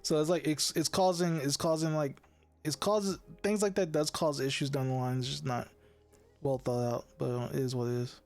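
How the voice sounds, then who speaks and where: A man's voice: medium pitch, steady tone, normal speed, darkish tone, soft background music. A young man hosting a casual podcast chat, rambling with lots of restarts, swearing and laughing. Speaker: podcast host.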